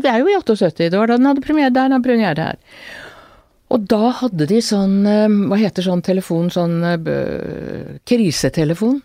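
An older woman, an author being interviewed, telling her family's story in an earnest, halting way with many restarts. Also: mid-range voice, mellow, dry recording, studio quality. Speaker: author guest. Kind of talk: reflective interview talk.

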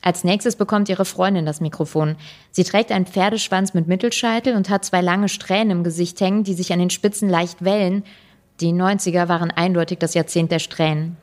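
A woman's voice: fairly low pitch, fairly even intonation, brisk. A woman narrating a first-person audiobook in a dry, sardonic way.

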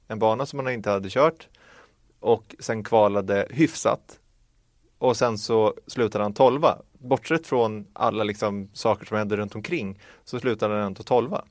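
A Swedish man co-hosting a casual motorsport podcast, giving measured, hedging explanations with fillers. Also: on the low side, no room sound, studio quality. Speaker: podcast co-host.

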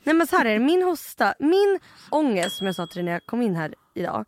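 A young woman co-hosting a podcast, telling stories in a rapid, animated way with many restarts. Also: on the high side. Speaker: podcast co-host. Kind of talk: casual chat.

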